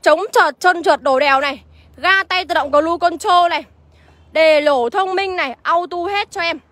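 Bright high-voiced woman selling cars. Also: moderate pace, no room sound. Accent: Northern Vietnamese. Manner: chatty, rattles off car features and prices. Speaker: used car seller. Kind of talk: livestream sales pitch.

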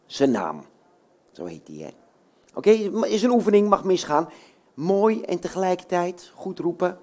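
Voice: medium pitch, sing-song, moderate pace, darkish tone. A puppeteer chatting with children before a puppet show, asking them question after question. The voice moves up and down a lot as they coax the crowd to join in. It is a live show indoors. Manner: friendly, coaxing, asks many questions. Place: bookshop, indoors.

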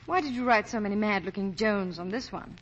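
An actress playing a gravely ill young woman in love, speaking softly and tenderly, in 1940s radio acting. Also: mid-range voice, brisk, close to an everyday voice. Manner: soft, tender, breathy at times. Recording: dull 1940s broadcast with music underneath.

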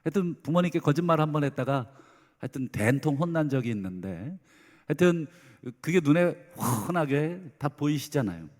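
A middle-aged man preaching a Sunday sermon as senior pastor, lively and dramatizing the voices of parents and children. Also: fairly high pitch, normal speed. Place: church sanctuary. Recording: long hall reverb.

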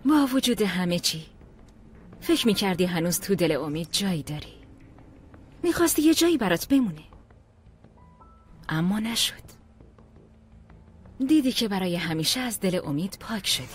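A woman's voice: medium pitch, very animated, long pauses, close to an everyday voice. A woman playing a gloating, spiteful rival. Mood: taunting. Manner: taunting, mocking pity. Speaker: dubbing actress. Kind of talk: dubbed TV drama.

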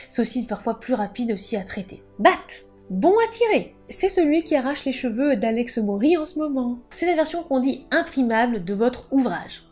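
A woman's voice: on the high side, darkish tone. A woman book vlogger explaining terms in a casual, playful way, with jokey asides.

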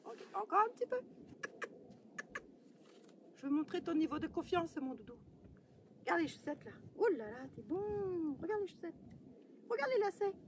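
A woman training a horse outdoors, giving short coaxing commands and soothing it, often in a hushed voice, picked up by a camera at a distance. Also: very high voice, very animated, normal speed, long pauses, noisy background. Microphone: camera mic at a distance.

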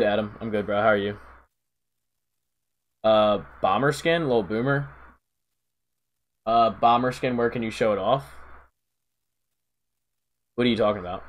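A man's voice: on the low side, moderate pace, pauses often. A young man casually live-streaming a game, rambling to his chat with lots of fillers, calling out viewers' names and saying "bro".

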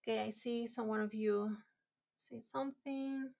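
Sketching on a stream indoors at home, this Spanish-speaking woman makes easygoing conversation. Her pitch is fairly high and her tone steady, creaky, and slightly mellow, and she talks a little slowly. Her talk wanders, full of fillers, restarts, and self-deprecating laughter.

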